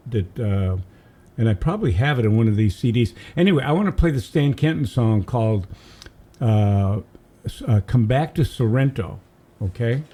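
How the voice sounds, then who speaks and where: A man's voice: lowish voice, warm tone. An older man from Massachusetts, a guest radio DJ rambling enthusiastically in casual studio chat, humming tunes as he tells stories. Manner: rambling, enthusiastic storytelling, hums melodies.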